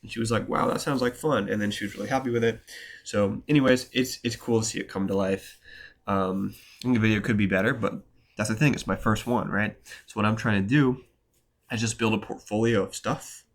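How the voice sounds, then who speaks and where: A young man chats casually to the camera about his work, wandering from thought to thought with plenty of fillers and slang. His voice sits low and has a gravelly, creaky edge. A cold leaves it thick and nasal. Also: steady tone, brisk. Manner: loose, rambling, slangy talk with many fillers. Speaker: photographer vlogger. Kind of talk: casual rambling vlog.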